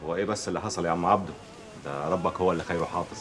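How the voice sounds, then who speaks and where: An actor with an Egyptian accent playing a pious, modest young religious teacher in a TV drama. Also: male voice, sits low, steady tone, very fast, a bit bright. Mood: humble. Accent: Egyptian Arabic. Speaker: neighborhood sheikh. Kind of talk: TV drama acting.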